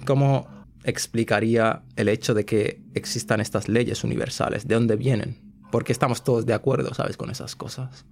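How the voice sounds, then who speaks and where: A man's voice: mid-range voice, steady tone, moderate pace, creaky, slight background noise. A young man hosting a podcast, talking earnestly in laid-back slang. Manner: earnest, laid-back slang, frequent "¿sabes?" and English fillers. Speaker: podcast host. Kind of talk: casual chat.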